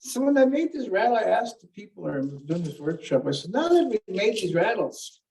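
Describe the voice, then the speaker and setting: Speaking as an elder at a keynote, this Canadian man tells stories and earnestly teaches, often restarting as he retells conversations. The mic catches him from afar; his high voice is sing-song, brisk and warm, with some vocal fry.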